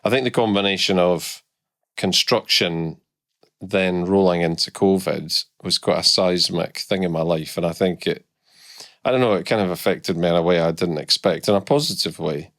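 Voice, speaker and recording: On a casual podcast interview, a middle-aged Scottish man with a Scottish accent speaks candidly and reflectively about his career, restarting hesitantly. His voice is low and fairly bright at a normal speed, in a dry, clean studio recording.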